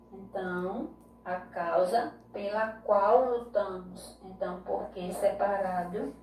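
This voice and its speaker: A woman's voice: medium pitch, a little mellow. A Brazilian woman teaching a remote grammar lesson to children, explaining patiently step by step and checking in with tag questions. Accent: Brazilian Portuguese. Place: home room. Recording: echoey room, voice distant from mic, faint hiss.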